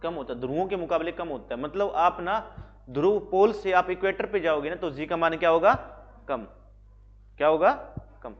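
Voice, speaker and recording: Male physics teacher, Haryanvi accent, fairly high voice, classroom lecture, quiz-and-answer style, slightly dull recording. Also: moderate pace. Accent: Haryanvi Hindi. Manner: keeps quizzing the class and answering himself. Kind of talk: classroom lecture with call-and-response questions.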